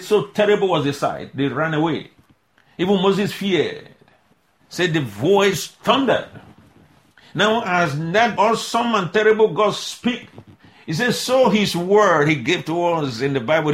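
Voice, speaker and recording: A man preaching a sermon, asking rhetorical questions and answering them himself, and reading scripture slowly. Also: fairly high pitch.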